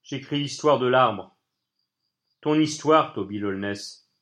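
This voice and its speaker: A man reading an audiobook, voicing a wise old man over 60 who speaks in a calm, grave, measured way. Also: medium pitch.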